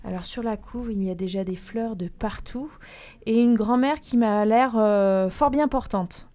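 A woman's voice: on the high side, unhurried, mellow. A woman hosting a chat about a children's book, a friendly, attentive interviewer. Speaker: radio host. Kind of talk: casual chat.

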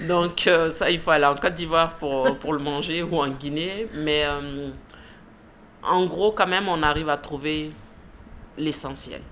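A woman from Ivory Coast in her thirties, a shop manager, gives a hesitant radio interview full of fillers and laughs. Her voice is deep and fairly bright, and she speaks slowly, pausing often, against slight background noise.

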